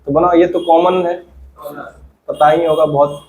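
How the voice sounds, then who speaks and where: Higher-voiced male teacher quizzing a class. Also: flat delivery, unhurried, a little mellow, rough recording. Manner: quizzing students, prompting them to answer together. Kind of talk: classroom grammar lesson. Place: classroom with students.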